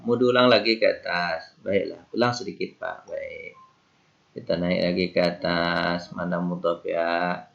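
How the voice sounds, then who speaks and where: A man's voice: low voice, creaky, fairly bright tone, muffled recording. A man teaching Arabic grammar, explaining patiently with examples and rhetorical questions. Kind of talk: grammar lesson.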